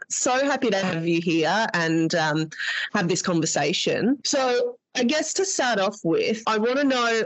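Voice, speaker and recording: A woman's voice: on the low side, no room sound. An Australian woman hosting a conversational podcast interview, her voice muffled and watery as if underwater from a technical fault. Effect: muffled, watery underwater sound from technical fault.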